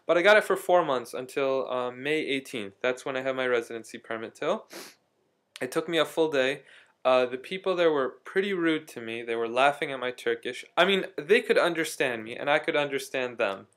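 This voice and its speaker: A man with a fairly high, gravelly, slightly bright voice tells a rambling story in a casual video diary. He's a vlogger living in Istanbul, and his chatty delivery is packed with ums and restarts.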